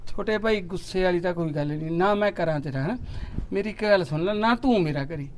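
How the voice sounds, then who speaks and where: A man's voice: high-pitched, fast talker, slight background noise. A man with a Punjabi accent acting in a comic village drama, pleading and grumbling as an older brother.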